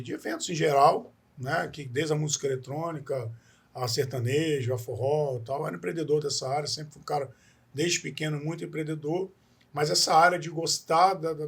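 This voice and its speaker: A husky, higher-voiced man from Espírito Santo, Brazil, shares his personal story as a guest on a podcast interview. He speaks earnestly but rambles, restarting frequently and ending many phrases with a questioning aside.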